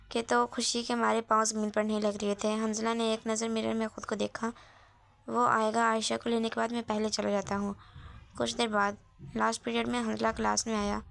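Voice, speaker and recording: Woman reading a novel out loud, kinda gravelly, flat steady delivery, does all the parts herself. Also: fairly high pitch. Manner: reads every character's lines in her own voice. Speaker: novel narrator. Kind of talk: reading a romance novel aloud.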